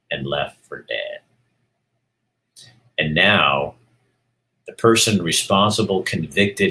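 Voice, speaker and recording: A middle-aged man from Oregon hosts a casual live stream, talking candidly to viewers and thinking aloud as he rambles. His voice has a rumbling low pitch with a bright, forceful tone.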